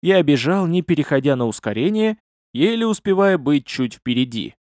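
A man narrating a first-person audiobook in an expressive, storytelling manner. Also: on the high side, moderate pace, no room sound, clean studio sound.

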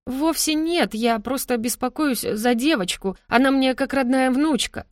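A woman's voice: high voice, measured pace, dry recording, clean studio sound, pitched above the performer's own voice. A woman voicing a scheming older noblewoman who speaks with a falsely sweet drawl. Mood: sly.

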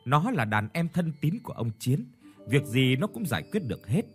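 A man narrating a horror story in an expressive, dramatic manner. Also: medium pitch, moderate pace, over music.

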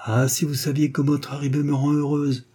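A man reading aloud voices a devoted young woman, gentle and earnest, lifting his voice for her. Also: on the high side, completely flat delivery, moderate pace, slightly rough, pitched above the performer's own voice. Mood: joyful.

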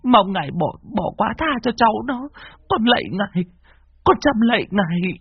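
A man's voice: high-pitched, lively intonation, normal speed, husky, dry recording, muffled recording, voice pushed up, exaggerated voice. A man voicing an old village woman humbly praying to a spirit, pleading.

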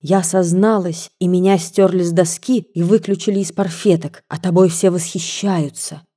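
A woman voicing a young princess schoolgirl who talks softly and slowly in a slightly guttural little voice. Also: on the low side, fairly even intonation, lightly acted. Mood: tender whisper. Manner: soft, slow, whispering.

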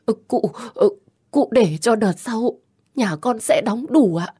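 A woman's voice: fairly high pitch, expressive, slow pace, mellow, slightly rough, heavily acted. A woman voicing a frightened, poor old peasant woman who stammers and pleads tearfully. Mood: tearful pleading.

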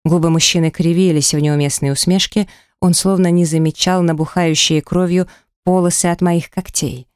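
Woman reading a tense audiobook, smooth voice. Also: lowish voice, steady tone, moderate pace, darkish tone, dry recording, clean studio sound. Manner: tense, emotional dramatic reading. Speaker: audiobook narrator. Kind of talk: first-person audiobook narration. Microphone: close studio mic.

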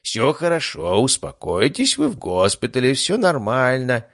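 Мужчина читает спокойного пожилого врача-наставника. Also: male voice, medium pitch, huge pitch swings, brisk, husky, pitched above the performer's own voice, heavily acted. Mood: calm. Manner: soothing, ironic. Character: calm senior male doctor and mentor.

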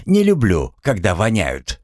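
A man voicing a lofty male spirit guardian who lectures in a condescending, fastidious manner in a read-aloud story. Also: fairly low pitch, huge pitch swings, a little mellow, no echo, clean studio sound, full character voice. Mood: lecturing.

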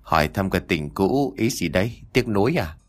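A cold, suspicious husband who questions his wife in a low, sneering voice, as a man reads him in an audiobook. He sounds accusing. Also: lively intonation, moderate pace. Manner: sneering, interrogating.

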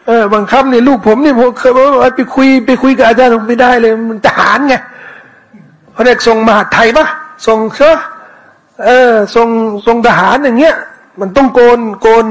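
A man teaching a commentary lesson on scripture, answering questions in a casual way, repeating words and reciting verses slowly. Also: extremely high pitch, fairly bright tone, poor audio. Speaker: Islamic teacher.

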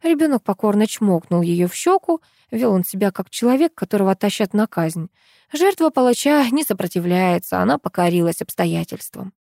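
A woman reading a first-person story aloud as an audiobook narrator, in an even, ironic storytelling manner. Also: medium pitch, moderate pace, vocal fry, no echo, clean studio sound.

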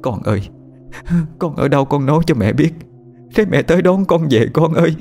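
A man's voice: a little high, expressive, normal speed, darkish tone, a little hiss or hum, voice pushed up. A man voicing a grief-stricken middle-aged mother who sobs and pleads for her lost son. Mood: sobbing, pleading. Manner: sobbing, pleading.

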